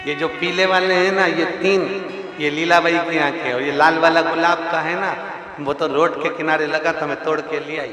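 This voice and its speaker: A man's voice: on the high side, steady tone, normal speed, crowd noise, close to an everyday voice. A man voicing a simple, humble woman devotee who speaks plainly and innocently. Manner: plain, innocent first-person pleading. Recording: echoey hall with loud music.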